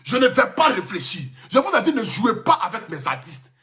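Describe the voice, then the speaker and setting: A man's voice: sits high, sing-song, normal speed, sharp tone. A man with an Ivorian French accent giving an emphatic, impassioned live stream rant into his phone. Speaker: social media personality.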